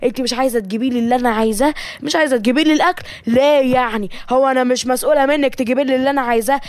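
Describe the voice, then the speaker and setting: A woman voicing a teenage daughter in an animated story, with an Egyptian accent and a bright, high voice. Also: fast talker, dry recording, natural voice. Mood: shouting. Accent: Egyptian Arabic. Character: teenage daughter, sweet-natured.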